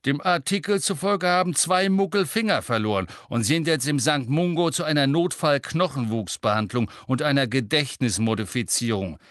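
A man's voice: medium pitch, lively intonation, unhurried, dry recording, clean studio sound, pitched above the performer's own voice, close to an everyday voice. Man voicing Arthur Weasley, a hasty kindly father. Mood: lively. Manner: raised, hasty when evading. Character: kindly middle-aged wizard father, wounded, evasive.

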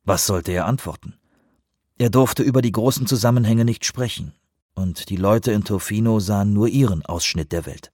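A man reading a novel aloud as an audiobook narrator, in measured storytelling. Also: fairly low pitch, dark tone, no room sound, studio quality. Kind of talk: scripted narration.

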